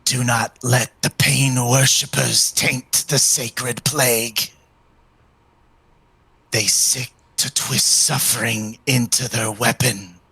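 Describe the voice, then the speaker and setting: A man voicing an urgent serpent spirit of plague, speaking in a drawn-out, ominous way as a game master. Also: medium pitch, fairly even intonation, creaky, pushed and bright, husky, dry recording, heavily acted. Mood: urgent, angry. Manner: slow, drawn-out, ominous urging.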